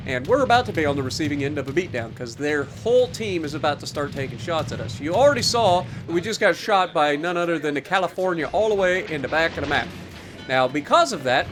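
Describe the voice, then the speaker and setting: A man giving casual after-action commentary on a naval warship game, joking and animated, with many fillers. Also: on the high side. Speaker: gaming YouTuber.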